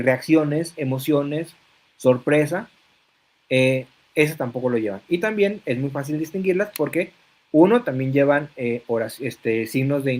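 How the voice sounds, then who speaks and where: A man teaching an online class, explaining step by step, often checking that students follow and pausing on hesitant fillers. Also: medium pitch, poor audio. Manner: hesitant fillers between phrases.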